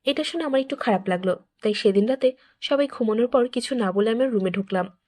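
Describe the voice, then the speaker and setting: A woman recounts a personal story in a steady, confessional narration. Her voice is a touch high, recorded close and completely dry. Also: brisk, dry recording.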